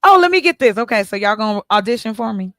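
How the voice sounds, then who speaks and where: A woman's voice: on the high side, expressive, fast, fairly bright tone, no echo. Playful woman in casual chat, dry sound. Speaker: host.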